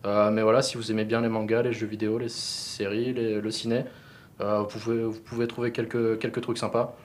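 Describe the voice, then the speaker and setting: A man's voice: on the low side, flat delivery, brisk, a little hiss or hum. Hesitant man, guest on a podcast. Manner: hesitant, many fillers. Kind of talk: casual podcast chat.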